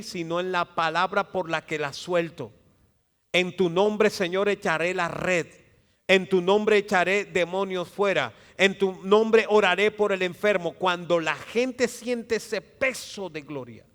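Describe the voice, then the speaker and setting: Male pastor, high voice, fervent call-and-response sermon, long church reverb. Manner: preaching with call-and-response to the congregation; rises to loud emphatic passages, drops to soft asides. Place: church sanctuary.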